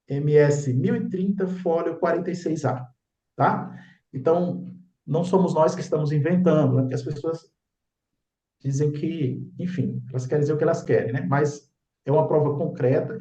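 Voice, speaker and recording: A man's voice: fairly high pitch, dark tone. A man explains slides as a religious teacher, insistent and often checking in with the listener. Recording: echoey room, dull lo-fi sound.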